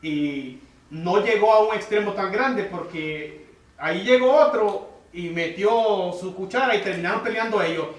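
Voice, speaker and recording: A man tells a personal story in a loose, conversational way, with a high-set voice. He sounds roomy and a little far from the mic, with faint background noise. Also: measured pace. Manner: conversational storytelling, frequent "¿verdad?" tags. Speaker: church member sharing testimony. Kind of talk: personal testimony at Bible study. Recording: roomy church hall, distant mic.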